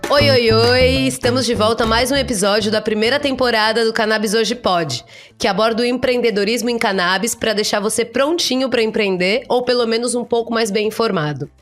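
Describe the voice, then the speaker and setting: Upbeat female podcast host, higher voice. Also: brisk, faint music behind. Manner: bright, enthusiastic greeting and questions.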